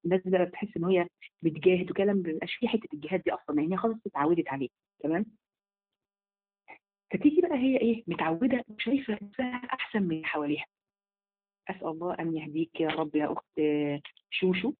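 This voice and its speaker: Fast, husky Egyptian woman on a tinny line. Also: on the low side. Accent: Egyptian Arabic. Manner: rapid and emphatic, slowing for scripture recitation. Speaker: religious teacher. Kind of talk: live online religious lesson. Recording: tinny phone-like audio.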